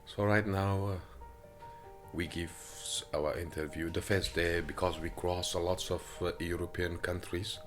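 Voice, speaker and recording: A man from Afghanistan, speaking halting with many hesitations as he gives personal testimony in an interview, recorded in an apartment. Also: low-pitched, level tone, music in the background. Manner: halting non-native English with frequent hesitations.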